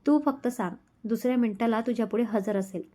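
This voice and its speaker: A woman's voice: a little high, quick pace, mellow, close to an everyday voice. A woman voicing a young husband in a romance storybook reading, speaking in an affectionate, playful way. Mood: tender. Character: young husband, tender and teasing.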